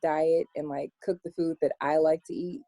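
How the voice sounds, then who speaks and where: A young American woman answering interview questions in a relaxed chat, with plenty of "um" and "like". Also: deep voice, moderate pace, no room sound. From United States. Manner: chatty, many "um" and "like" fillers. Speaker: interview guest. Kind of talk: casual interview.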